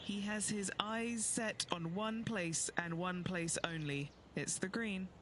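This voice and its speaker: A man's voice: high-pitched, steady tone, slow pace, background noise. A man giving live golf commentary as an on-course reporter.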